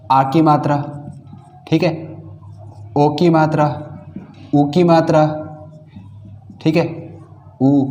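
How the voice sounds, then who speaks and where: Male teacher, mellow voice, quizzes and answers himself, echoey room. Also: a little high. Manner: repeats questions and answers them himself. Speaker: English teacher. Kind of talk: classroom lesson.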